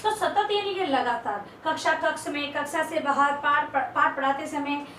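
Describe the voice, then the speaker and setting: A young woman in her twenties, a teacher trainee, giving a slow classroom lecture and repeating key terms as she writes them on the board. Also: high voice, sharp tone. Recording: echoey room, far from the mic, faint hiss.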